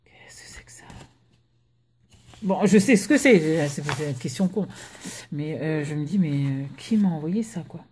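Woman, quiet voice, mellow, casual chat, many fillers, home vlog. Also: low voice, lively intonation, normal speed, a little hiss or hum. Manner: chatty, hesitant with many fillers; talking softly while children nap. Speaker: crafting vlogger.

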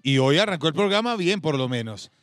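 A man hosting a TV game show, excitable and exclamatory, talking to the viewers at home. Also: a little high, fairly quick, no room sound, studio quality.

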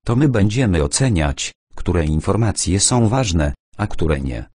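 A man's voice: low voice, very animated, unhurried, a little mellow, no echo, clean studio sound, full character voice. A man voicing a bored, pedantic police officer who talks down to a witness about procedure in an audiobook. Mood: condescending. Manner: condescending, insisting on procedure.

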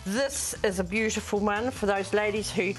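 A woman with a New Zealand accent and an average-pitched voice talks casually through her shop's range. She is informal and admiring as she sells, with faint music behind her. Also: moderate pace, low-quality recording. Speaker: lingerie shop retailer. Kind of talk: casual product presentation.

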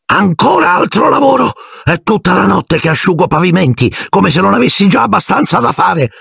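A hysterical old caretaker, whining high and fed up in a storybook reading. The voice is husky and strained, recorded dry and close. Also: male voice, sing-song, moderate pace, a bit bright, no room sound, heavily acted. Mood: exasperated.

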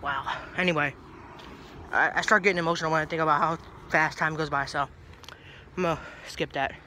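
A young man rambling into a phone camera held low at arm's length outdoors. His voice is high and bright, chatty and easily sidetracked, with faint traffic and outdoor noise behind him. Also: fairly even intonation, brisk. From New Jersey. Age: young adult. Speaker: vlogger. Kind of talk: casual rambling vlog. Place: outdoors by a brick house in a grassy yard.

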